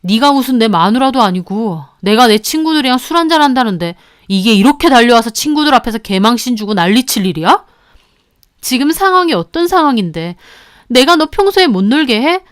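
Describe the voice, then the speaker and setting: Brief: woman voicing a sulky young boyfriend, snappish, fairly high clear voice. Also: very animated, fairly quick, no echo, studio quality. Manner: snappish, accusing.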